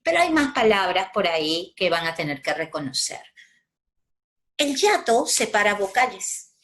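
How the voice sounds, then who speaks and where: A woman's voice: medium pitch, sing-song, moderate pace, a bit bright. A woman with a Peruvian accent teaching a grammar lesson, explaining patiently step by step and checking in with her students. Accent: Peruvian Spanish. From Peru.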